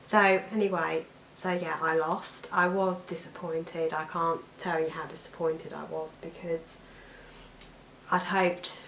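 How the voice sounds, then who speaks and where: A British woman with a croaky, allergy-affected voice, chatting casually to camera as a weight loss vlogger. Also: lowish voice, fairly bright tone. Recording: echoey room with background noise.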